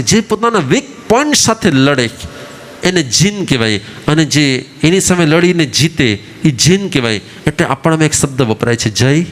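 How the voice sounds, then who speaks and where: A man delivers a sermon in a somewhat high voice. He preaches with lively swings of pitch and keeps firing rhetorical questions at his listeners. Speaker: Jain preacher.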